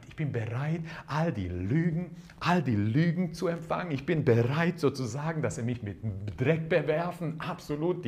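A man's voice: medium pitch, darkish tone. A man preaching a sermon, emphatic, repeating key phrases and calling out hallelujah and amen.

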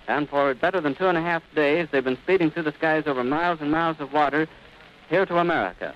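Heard through muffled 1930s archive audio full of noise, a man with a voice on the high side talks fast, calling events live at an outdoor airfield. His commentary is vivid and descriptive, in the manner of a vintage radio announcer.

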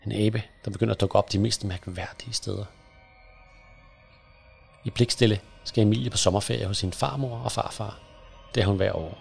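Low, gravelly man reading a story. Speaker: narrator. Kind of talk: scripted storybook narration. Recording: soft music under the voice.

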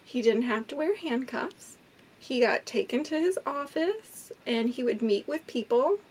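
A woman co-hosting a casual true crime podcast, telling the story in an animated way, swearing and laughing often. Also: high-pitched, unhurried, breathy edge.

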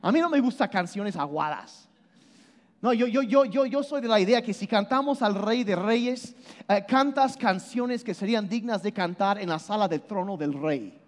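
A man preaching a sermon, animated and emphatic, often repeating and restarting his words as he explains. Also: moderate pace. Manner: animated, shifts between loud emphasis and low intensity. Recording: long hall reverb.

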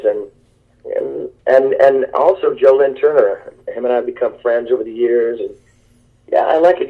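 A man's voice: mid-range voice, narrow, tinny audio. A man, a guest musician, talking in a rambling, enthusiastic and self-deprecating way over a speakerphone line during a phone interview. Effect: heard over a speakerphone line.

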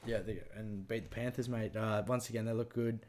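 A young man with a New Zealand accent who co-hosts a casual sports chat, rambling excitedly and peppering his talk with "mate" and "like". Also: on the low side, brisk. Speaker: sports podcast co-host.

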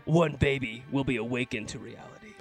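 Guy doing the dramatic trailer voice, grave n portentous, gravelly, music behind. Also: mid-range voice, a little fast. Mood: solemn, portentous. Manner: grave, portentous short phrases. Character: dramatic, solemn movie trailer announcer.

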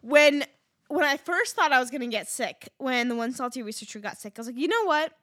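A chatty woman in her thirties co-hosts a relaxed podcast, telling stories with a joking edge. She sounds slightly congested and nasal from a cold. Her voice is high and bright, recorded in a dry, close room. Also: a little fast, no echo. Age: 30s. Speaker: podcast co-host. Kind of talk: casual chat.

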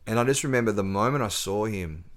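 Deep-voiced author telling stories. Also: male voice, quick pace. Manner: storytelling, relaxed, with fillers and restarts. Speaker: author and podcast guest. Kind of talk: casual interview chat.

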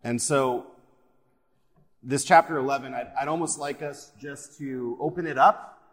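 A man's voice: medium pitch, fairly even intonation, unhurried. A man leading an informal Bible study and prayer in short, hesitant phrases, with a digital echo effect on the microphone. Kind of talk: informal class teaching and prayer. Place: class session, live group. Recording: odd echo effect on class recording.

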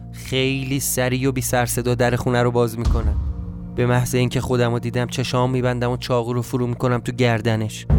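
Man narrating a tense dark story. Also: medium pitch. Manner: tense, brooding inner monologue. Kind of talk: first-person dramatic story narration.

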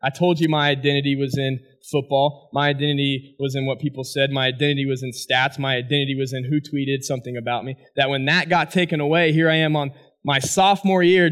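Man, slightly high voice, former athlete, testimony speech, lively storytelling. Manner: animated storytelling, asks the crowd "right?". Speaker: former college athlete giving a talk. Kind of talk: personal testimony speech to an audience.

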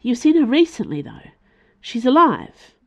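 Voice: mid-range voice, wildly swooping pitch, unhurried, gravelly, fairly bright tone, heavily acted. A storyteller voicing an anxious, determined mother who speaks impatiently and urgently.

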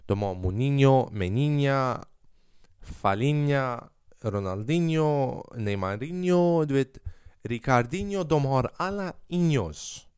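A man's voice: medium pitch, lively intonation, a little mellow, clean tone, no echo. A young man hosting a casual podcast, a stand-up comedian telling stories in a profane, sarcastic way and acting out the dialogue.

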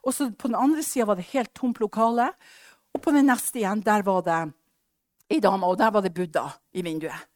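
A woman preacher telling a personal testimony in a storytelling sermon, acting out the dialogue and dropping to hushed asides. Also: medium pitch, dry recording, studio quality.

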